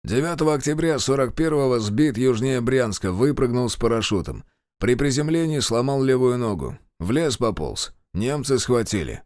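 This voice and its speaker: A man voicing a weary, bitter middle-aged pilot under interrogation, speaking slowly and gruffly. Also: medium pitch, animated, darkish tone, no room sound, studio quality, close to an everyday voice. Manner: slow, gruff, bitterly candid.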